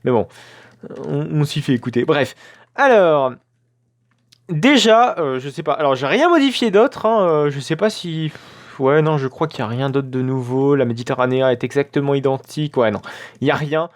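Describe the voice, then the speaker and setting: A man's voice: a little high, lively intonation, normal speed. A man hosting a let's play, chatting casually as he builds in a game, with frequent filler sounds and self-corrections. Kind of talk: casual gameplay commentary.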